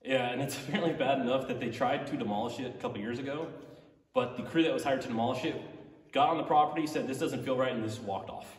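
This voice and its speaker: A man's voice: medium pitch, fast talker. A man working as a tour guide tells stories in an informal, explanatory way inside an echoing cave. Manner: conversational, explanatory storytelling. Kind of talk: informal storytelling to a small tour group. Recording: echoey cave, long reverb, distant, faint noise.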